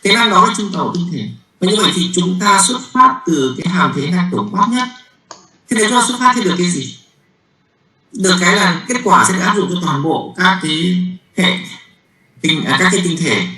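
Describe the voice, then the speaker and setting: A man giving a university physics lecture. He talks haltingly, with many fillers and repeated words, and keeps checking with the class. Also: high-pitched, animated, sharp tone, echoey room, poor audio.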